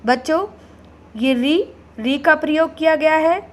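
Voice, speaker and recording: A woman teacher with a voice that sits high speaks at a measured pace, patiently explaining grammar in a slow classroom lesson. She repeats each word and talks directly to the children.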